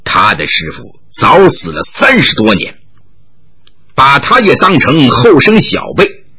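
A man's voice: mid-range voice, wildly swooping pitch, a little slow, sharp tone, breathy edge. A man narrating a martial arts novel in a dramatic, vivid storytelling style.

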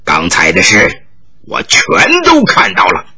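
A man voicing a tall, fierce old martial master who barks his questions in a gruff, wrathful way. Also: low voice, huge pitch swings, a little slow, pushed and bright, pitched below the performer's own voice, full character voice. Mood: angry.

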